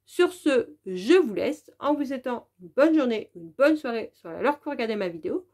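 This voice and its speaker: A woman with a slightly high voice talks to her viewers in a relaxed home vlog about puzzles. She speaks in a chatty way, pausing often with fillers and restarting her sentences. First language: French. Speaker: puzzle vlogger. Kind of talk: casual review vlog to camera.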